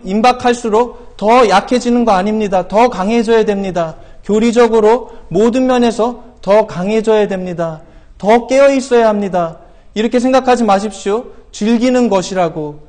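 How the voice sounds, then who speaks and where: A middle-aged male missionary preaching from a church pulpit, his voice pitched notably high for a man. He exhorts his listeners earnestly, throwing in rhetorical questions and many hesitant fillers. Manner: shouts quoted scripture loudly and slowly. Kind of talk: sermon. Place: church sanctuary.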